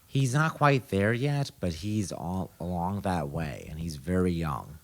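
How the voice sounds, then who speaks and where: A man's voice: low voice, expressive, unhurried. A man in his thirties co-hosting a podcast, telling stories in a laid-back, agreeable way. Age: 30s. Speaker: podcast co-host. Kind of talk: casual chat.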